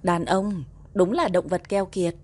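A stubborn, playful young wife from a romance audiobook teases her husband. A woman reads her in a lowish, warm voice with a soft, mellow tone and an easy, teasing lilt. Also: fairly even intonation, measured pace.

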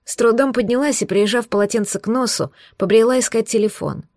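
A woman narrating a first-person audiobook in an expressive, tense storytelling manner. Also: fairly high pitch, brisk, no echo, studio quality.

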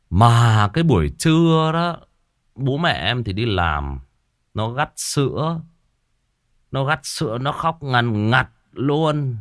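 A man's voice: lowish voice, vocal fry, dry recording, clean studio sound. A man hosting a ghost-story show, chatting with listeners and reminiscing in a loose, repetitive way. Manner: chatty, animated when reminiscing, many repetitions. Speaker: ghost story podcast host. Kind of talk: casual reflective storytelling to listeners.

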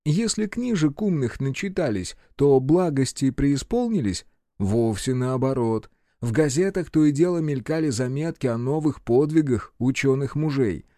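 A male audiobook narrator tells the story with a lively, expressive rise and fall in his voice. The recording is dry and close, with no room sound. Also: medium pitch, moderate pace, dry recording.

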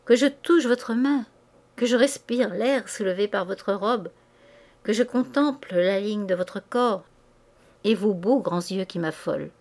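A woman's voice: medium pitch, a little mellow, natural voice. A woman reading aloud, voicing an ardent young man who urgently presses a married woman to see him. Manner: urgent, insistent pleading.

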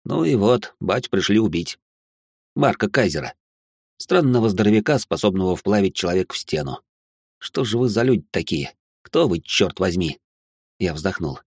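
A man's voice: deep voice, expressive, normal speed, darkish tone, husky, no echo, studio quality. A man narrating an audiobook in a wry, sardonic first-person voice. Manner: wry, sardonic inner monologue.

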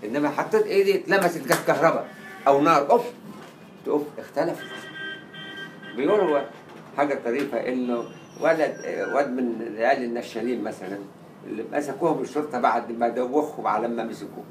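Fast-talking Egyptian man lecturing in an echoey hall. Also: mid-range voice. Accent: Egyptian Arabic. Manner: animated, acts out quoted dialogue and drills pronunciation. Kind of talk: university lecture on Arabic writing. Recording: echoey lecture room with faint hiss.

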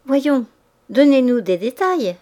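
A woman's voice: on the high side, expressive, normal speed, a little mellow, lightly acted. A woman reading a novel aloud, voicing an insistent, coaxing society lady who presses a man for details.

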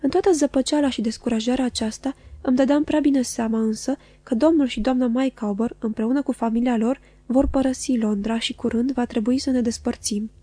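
A woman narrates a classic novel in a measured, expressive audiobook reading. Her voice sits slightly high with a warm, mellow tone. The sound is close and dry. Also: slightly rough, no room sound.

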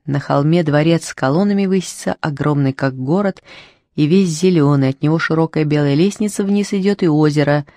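A narrator reading a fairy tale in a wry, unhurried way, lightly voicing the characters. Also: mid-range voice, warm tone, no room sound, studio quality. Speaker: audiobook narrator. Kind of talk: storybook narration.

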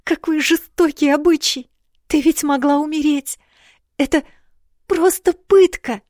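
Woman reading as a young storybook princess, high bright voice, sweet and anxious, gushing chatter, dry close recording. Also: measured pace, no echo. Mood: distressed. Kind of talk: audiobook character voice.

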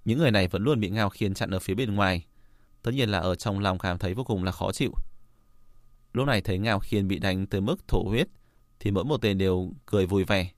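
A man narrating a fantasy novel as an audiobook in a steady storytelling read. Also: low voice, no echo, studio quality. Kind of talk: scripted narration.

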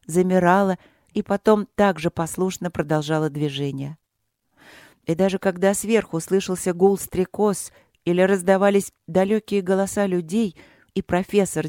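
A narrator reads a story aloud in a steady, measured way. The voice sits in a middle register. It is recorded close to the mic in a dry space with no room sound. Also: medium pitch, dry recording. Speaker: audiobook narrator. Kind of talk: scripted narration.

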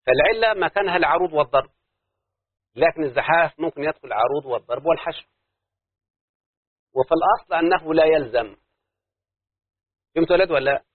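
Egyptian guy teaching a class, kinda high husky voice, keeps asking the kids if they get it. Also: animated, quick pace, pauses often, no room sound. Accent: Egyptian Arabic. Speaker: teacher of Arabic prosody. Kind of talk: classroom lesson. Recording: dry, narrow phone-like lo-fi sound.

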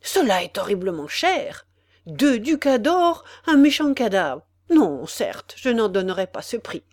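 A woman's voice: medium pitch, sing-song, measured pace, a little mellow, no echo. A woman doing a greedy haggling executioner.

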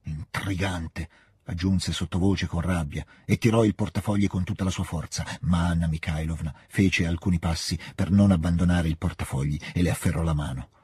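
Deep, husky male audiobook narrator. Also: fairly even intonation, a little fast, few pauses, darkish tone, no echo. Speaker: audiobook reader.

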